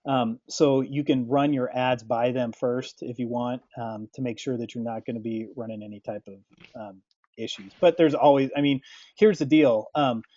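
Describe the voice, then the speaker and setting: A man hosting a webinar, reading out questions and answering them casually, with lots of fillers and a relaxed, hesitant manner. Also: mid-range voice, moderate pace. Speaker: webinar host. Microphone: computer mic over an online call. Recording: dull, dry online call audio.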